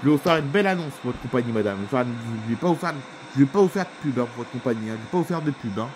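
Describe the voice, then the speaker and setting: A man's voice: mid-range voice, lively intonation, rapid-fire, background noise, close to an everyday voice. A man voicing an irate airline passenger in a homemade toy-figure film, complaining indignantly and repeating himself.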